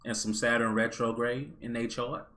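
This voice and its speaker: A man's voice: mid-range voice, level tone, normal speed, pushed and bright. A man chatting as a guest, talking in a playful, colloquial, joking way. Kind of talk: casual chat.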